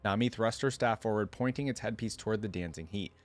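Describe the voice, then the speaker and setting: Reading a story aloud for a reaction video, this male host keeps stopping to muse casually and add hesitant asides. He talks fast in a lowish voice, with faint music behind him.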